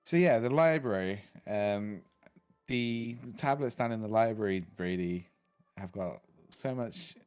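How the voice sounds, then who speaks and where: A man's voice: lowish voice, unhurried, a little mellow, smooth, soft background music. A man playing a tabletop game in a playful, joking way. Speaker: player.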